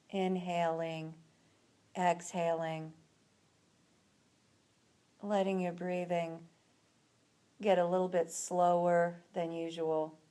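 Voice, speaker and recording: A female instructor guides listeners through relaxation, speaking soothingly and without haste and leaving long pauses between phrases. Her voice is lowish and warm.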